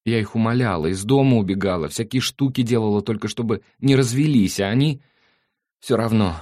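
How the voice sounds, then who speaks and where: A man's voice: brisk, no room sound, studio quality, close to an everyday voice. Man voicing impulsive hurt young woman. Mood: tearful, pleading. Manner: raised pitch, pleading and emotional.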